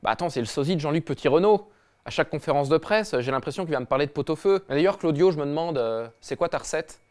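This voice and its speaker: Guy hosting a snarky football comedy bit, kinda high voice, cocky slangy and sweary. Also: lively intonation, fast talker, a little mellow. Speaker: host. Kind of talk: satirical football comedy monologue.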